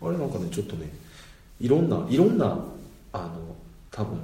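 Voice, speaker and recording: Animated man with a Kansai accent. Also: fairly low pitch, moderate pace. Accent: Kansai Japanese. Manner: chatty, laughs often between points. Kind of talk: casual explanatory monologue. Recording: roomy echo.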